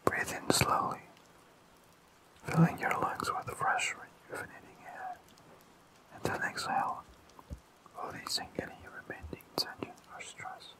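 Soft unvoiced ASMR whisperer. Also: low-quality recording. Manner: fully unvoiced soft whisper, slow and soothing. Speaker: ASMR host.

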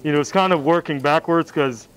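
Chef explaining his cooking, relaxed. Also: on the high side, fairly quick. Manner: relaxed, explanatory, many fillers. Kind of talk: documentary interview. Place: rooftop grill, outdoors.

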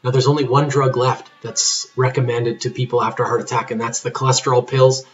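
Hoarse pharmacist man, halting explainer. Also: mid-range voice, little pitch movement, dull audio. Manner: halting, many fillers and restarts. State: losing his voice. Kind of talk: informal health explainer video.

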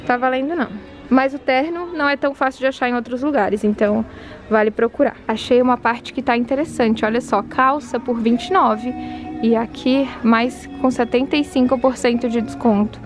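A woman with a fairly high voice films herself strolling through a large indoor department store, chatting casually with her viewers. As a shopping vlogger, she calls out prices and discounts and drops quick opinions along the way. Store music plays faintly in the background.

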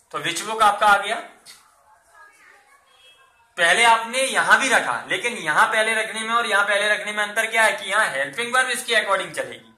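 A man with a high, very bright voice teaches a grammar lesson and walks through each step by asking and answering his own questions. The room around him is echoey. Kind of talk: Hindi-English classroom lesson.

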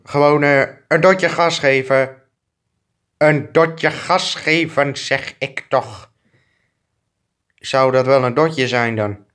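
A man's voice: mid-range voice, takes it slowly, fairly bright tone. A man improvising a comic fan dub of two clumsy adult male neighbors who bicker, trading crude insults and swearing. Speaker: fan dubber.

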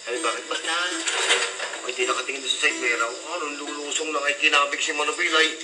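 A man telling a comic story in an animated way, laughing along as he goes. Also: on the high side, rapid-fire, very noisy. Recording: echoey with music behind.

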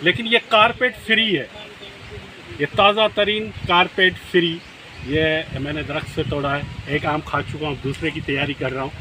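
A middle-aged man from Pakistan, chatting and explaining in a relaxed way for his farm vlog, recorded outdoors in a mango orchard on a nearby camera mic. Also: a little high, moderate pace. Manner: relaxed and explanatory, eating and sipping while talking. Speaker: vlogger host. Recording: outdoor background noise.

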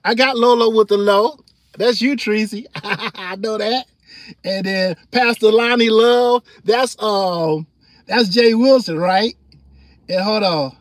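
A middle-aged man, talking loosely to his livestream audience with a high voice. He gets loud and animated and laughs often. The sound is dry and close. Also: slow, dry recording. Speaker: livestream host. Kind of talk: casual livestream chat.

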